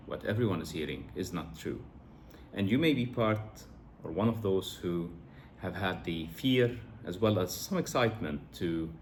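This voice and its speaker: A man's voice: low-pitched, a little hiss or hum. A middle-aged man from Lebanon talking to camera in a reflective, earnest way, with frequent fillers and restarts. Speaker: vlogger. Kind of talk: casual to-camera monologue.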